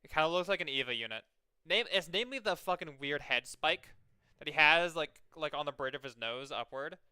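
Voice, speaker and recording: A man's voice: fairly high pitch, expressive, a little fast, bright, forceful tone, smooth, no echo. A sardonic, sweary man giving casual game commentary and reading the game's text aloud. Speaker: let's play host.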